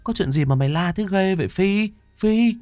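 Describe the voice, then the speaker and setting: A man's voice: very animated, normal speed, fairly bright tone, no room sound. A male narrator voicing a worried, scolding older sister in a ghost story. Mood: alarmed scolding. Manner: shrill, scolding.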